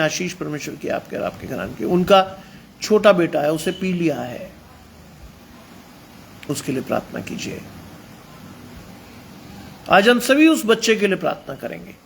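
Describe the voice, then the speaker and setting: High-voiced preacher, emphatic. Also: male voice, lively intonation, moderate pace, creaky, long pauses, slight background noise. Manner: mixes English phrases into emphatic preaching. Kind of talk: sermon.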